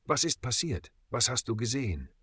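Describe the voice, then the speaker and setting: A man voicing a gruff, self-assured male mercenary leader who swears. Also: medium pitch, big pitch swings, moderate pace, sharp tone, no room sound, pitched above the performer's own voice, exaggerated voice.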